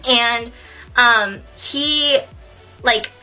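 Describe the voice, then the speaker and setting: High bright-voiced young woman vlogging. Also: extremely slow, faint music behind. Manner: animated and swearing, with laughs and squealed quotes. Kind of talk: storytime vlog.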